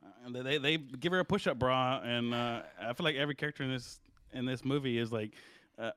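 A man's voice: medium pitch, a little fast, a bit bright, clean tone, dry recording. A man co-hosting a casual movie review podcast, rambling and profane, checking in with "right?" as he goes. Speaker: podcast co-host.

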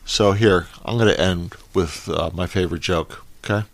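A middle-aged man talking candidly and haltingly about his own life, his words slightly numb-mouthed, as if he had marbles in his mouth. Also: sits low, creaky, no room sound. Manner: halting, hesitant. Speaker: podcast host. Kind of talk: candid personal monologue.

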